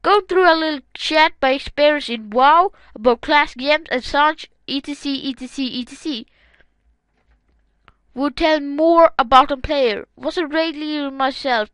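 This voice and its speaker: A woman's voice: high-pitched, fairly bright tone, clear, resonant tone, dry recording, poor audio. A woman hosting a gaming channel, reading forum comments aloud and adding casual, wry, sarcastic asides.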